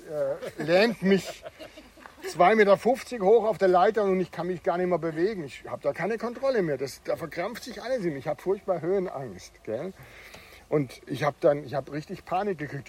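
Husky-voiced middle-aged preacher. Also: male voice, high voice. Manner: conversational, with tag questions like "ne?" and "ja?"; swings from hushed to emphatic. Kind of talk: sermon with personal anecdote.

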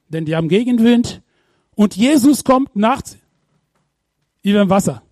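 A man preaching a sermon, animated, firing rhetorical questions at the congregation and sometimes bursting into shouts. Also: sits high, dry recording, studio quality. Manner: bursts into shouts when retelling.

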